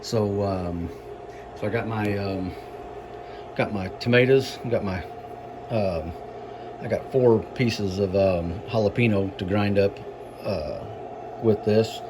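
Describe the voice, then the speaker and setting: A man giving a casual home cooking demonstration, explaining things in a halting, unhurried, folksy way. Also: lowish voice, background noise. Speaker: home cook presenting a recipe.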